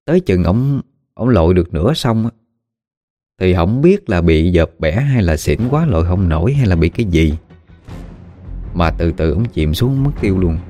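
A man's voice: low voice, sing-song, moderate pace, mellow, no room sound, soft background music. A man with a Mekong Delta Southern Vietnamese accent telling a village story in a casual, rambling way, with many filler sounds. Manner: folksy, rambling, with frequent "à" fillers.

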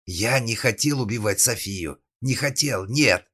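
A man's voice: moderate pace, a bit bright. A man doing a jumpy young gunman. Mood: panicked. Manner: curt commands, breaking into shrill outbursts. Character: nervous young male technician holding a gun.

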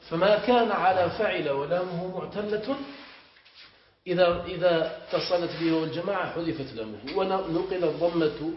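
Give me a man with a slightly high voice teaching a grammar class, explaining and checking whether the students follow, in a very echoey room. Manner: explanatory, checks understanding with repeated questions. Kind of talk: classroom lesson on verb morphology. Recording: echoey, dull lo-fi classroom recording with faint hiss.

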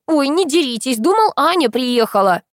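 A woman narrator voices a plump, shabby middle-aged man, meek and whiny, squeaking out excuses and mumbling about food. The reading is dry and close to the mic. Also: big pitch swings, moderate pace, no echo. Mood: whimpering. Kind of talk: audiobook dialogue reading.

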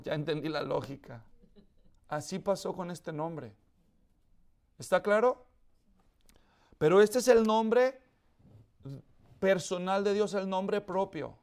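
A man's voice: high voice, darkish tone. A man preaching a sermon to a congregation, explaining with everyday examples and often asking his listeners questions. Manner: asks the audience questions often.

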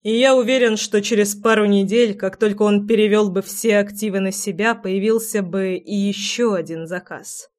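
A woman reading the lines of a calm, protective young man in an audiobook, in a measured, unhurried way, close to her own voice. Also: medium pitch, close to an everyday voice. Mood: reassuring.

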